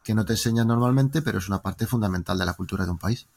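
Appearing as a guest in a relaxed interview, a man from Spain speaks with a Spanish accent, telling lively, joking stories in long, winding turns. His voice is on the low side, and he talks fast.

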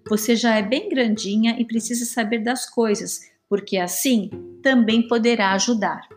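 A woman reading a storybook voices a wise, motherly cicada who explains things calmly and gently. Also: on the high side, moderate pace, soft background music, lightly acted.

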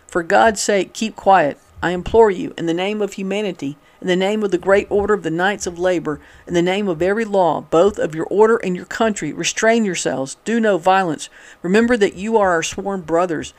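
An earnest male orator from the old labor movement, begging an angry crowd for calm in a loud, imploring voice, as a man reading a newspaper story puts him on. His tone sits high and presses forward with feeling. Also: moderate pace. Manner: louder and raised in pitch, earnest and imploring. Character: impassioned male labor orator pleading with a mob.

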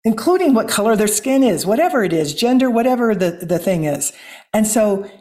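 A woman's voice: medium pitch, big pitch swings, brisk, dark tone. A woman from Missouri with a Midwestern American accent, a guest and author speaking earnestly and reflectively in a conversational interview. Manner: earnest, flowing, spiritual.

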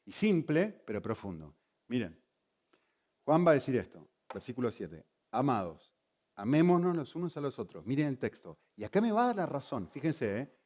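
A man preaching a sermon, teaching in an animated way and asking the congregation many rhetorical questions. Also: medium pitch. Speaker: pastor.

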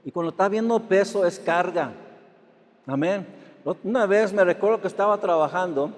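A man's voice: sits high, moderate pace. A man preaching a sermon as pastor, peppering every phrase with "amen" and "brothers", stumbling and restarting, and now and then acting out whiny complaints. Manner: repeats amen and hermanos constantly, with restarts; acts out whiny complaints in a raised voice. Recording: long hall reverb.

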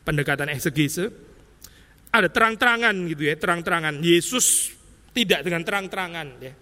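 A man's voice: a little high, fairly quick, sharp tone, in a large hall. A male pastor giving an expository sermon in a loose, conversational way. He keeps tagging his sentences with little words and slips English terms in among the rest. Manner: conversational preaching, tag words like "ya" and "saya".

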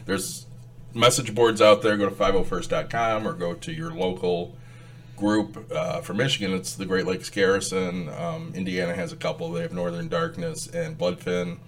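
A man's voice: medium pitch, normal speed, vocal fry, a bit bright. A man co-hosting a casual podcast, rambling and laughing often. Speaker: podcast co-host.

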